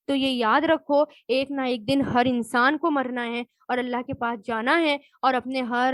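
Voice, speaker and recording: A woman's voice: high voice, dry recording, poor audio. A woman Quran teacher, giving a word-by-word lesson and glossing each recited Arabic word.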